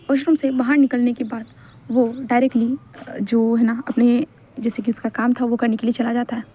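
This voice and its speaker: A woman's voice: fairly high pitch, warm tone, husky. A woman telling a fan-fiction story in a casual, conversational way, full of fillers and repeated words, and voicing every character herself. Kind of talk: storytelling narration, voicing all the characters in dialogue.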